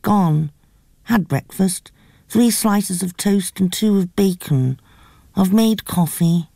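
A strange young man who reports things in flat, clipped fragments, spoken slowly and deliberately, as a woman narrator puts him on. The recording is dry and close. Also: mid-range voice, gravelly, no room sound, pitched above the performer's own voice. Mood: matter-of-fact. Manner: clipped, matter-of-fact.

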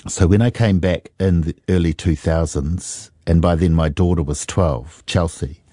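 A middle-aged New Zealand musician tells stories in an unhurried, reflective way as an interview guest, using many fillers. His voice sits low and mellow at a normal pace, recorded with a clean studio sound and no room noise.

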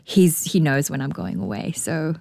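A woman's voice: deep voice, moderate pace, mellow, no echo, studio quality. A woman with a New Zealand accent, a conductor speaking in a radio interview, thoughtful and full of rhetorical questions.

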